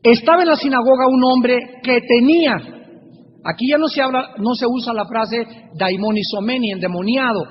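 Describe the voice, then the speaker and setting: A man teaching a Bible lecture as a preacher, deliberate and repetitive, slowly sounding out Greek terms. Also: very high-pitched, breathy edge. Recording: dull lo-fi recording in a reverberant hall with faint hiss.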